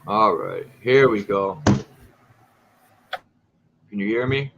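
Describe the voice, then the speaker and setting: A man's voice: on the low side, expressive, takes it slowly, vocal fry, highs cut off, background noise. A man calling into a livestream over a video call that keeps breaking up. He talks bluntly and swears freely. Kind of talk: casual chat. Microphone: remote call connection, headphones.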